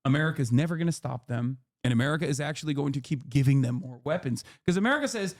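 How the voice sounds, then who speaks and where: With a fairly high, animated voice and a quick pace, a man in his thirties hosts a stream and explains politics to a guest. He's impassioned and profane, straining his voice toward near-shouting to stress his points.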